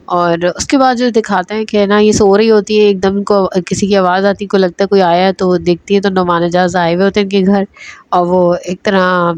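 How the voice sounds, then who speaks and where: A woman's voice: medium pitch, level tone, darkish tone, no room sound. A woman casually recapping drama episodes as a reviewer, chatty and hesitant with many fillers.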